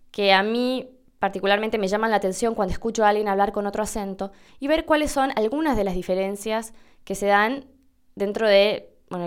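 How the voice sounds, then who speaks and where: A woman's voice: medium pitch, clean tone. A woman from Argentina with an Argentine accent, hosting a casual, chatty podcast on Spanish pronunciation and demonstrating sounds herself. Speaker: podcast host teaching Spanish.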